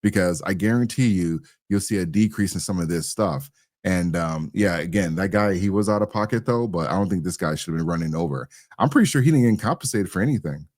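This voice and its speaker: A man's voice: low-pitched, animated, a little fast, darkish tone, no room sound, studio quality. A man giving casual, opinionated commentary as a co-host, slangy and rambling, often repeating his phrases. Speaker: talk show co-host.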